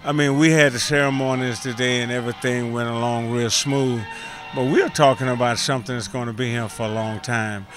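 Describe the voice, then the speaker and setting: An older man speaking slowly and from the heart in an interview. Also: mid-range voice, steady tone, a bit bright, soft background music. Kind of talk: casual interview answers.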